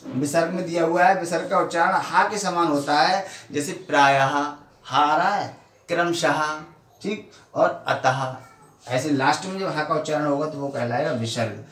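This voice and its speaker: A man's voice: on the high side, normal speed, a bit bright, distant mic. A man teaching a Hindi grammar lesson with a Badaun accent, asking questions and then answering them himself. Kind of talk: classroom lesson. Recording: echoey room, voice off-mic.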